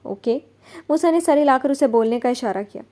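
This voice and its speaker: Woman reading a romance novel out loud, expressive, kinda high pitched but mellow. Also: fast. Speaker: narrator. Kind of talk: scripted narration of a romance novel.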